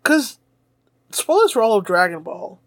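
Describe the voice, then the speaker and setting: High-voiced man in loose podcast banter. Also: big pitch swings, unhurried, no room sound, studio quality. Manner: chatty, laughs often, swears casually. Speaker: podcast co-host. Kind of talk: casual podcast chat.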